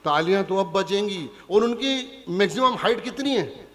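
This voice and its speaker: A Punjabi man performs stand-up as a comic poet at a hasya kavi sammelan, chatting with the crowd and teasing them. His voice is high-pitched and animated, delivered at a normal speed with the sound of a big room around it.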